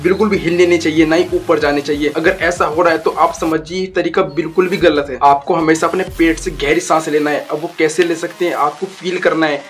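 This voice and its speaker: This young man is a YouTuber teaching voice training in a casual, instructive style, repeating himself and mixing English phrases into his speech. His fairly bright, somewhat high voice keeps a fairly even intonation and moves fairly quickly with few pauses, with soft music underneath.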